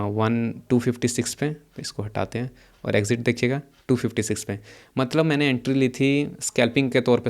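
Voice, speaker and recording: A young man explaining his options trades in a casual screen-share walkthrough, talking quickly and repeating points as he goes over his charts. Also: lowish voice. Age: young adult. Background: some background noise.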